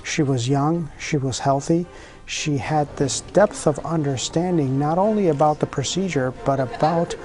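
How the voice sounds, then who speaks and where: A man's voice: on the high side, moderate pace, darkish tone. Earnest man, a surgeon. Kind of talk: interview.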